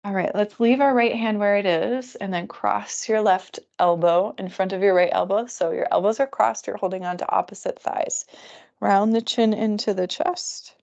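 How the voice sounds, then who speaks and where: A woman leads a gentle yoga class, talking through breaths and twists in an easygoing, unhurried way. Her voice has a gravelly, fry-tinged edge. The sound is a bit dull and lo-fi. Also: medium pitch. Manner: calm counting cues, relaxed and chatty. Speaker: yoga teacher. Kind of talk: guided restorative yoga class.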